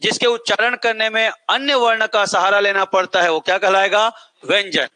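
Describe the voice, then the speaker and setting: A man's voice: high voice, fairly even intonation, moderate pace, pushed and bright, no room sound. A man teaching a class in a lecture style, repeating points and quizzing students who answer back. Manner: repetitive, quizzing, drills answers. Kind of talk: classroom lecture with call-and-response questions.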